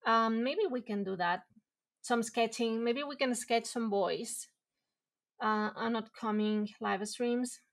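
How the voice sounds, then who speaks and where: Here a woman with a fairly high voice talks slowly while drawing during a livestream from her home. Spanish is her first language. The chat is casual and rambling, broken up by many fillers and restarts and by laughs at her own expense.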